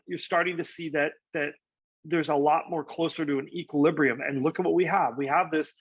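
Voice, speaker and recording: Explaining market charts in a casual way, this male real estate agent leans on fillers and keeps asking "right?" His voice is on the high side with a breathy edge. The recording is dry, a bit dull, and lo-fi.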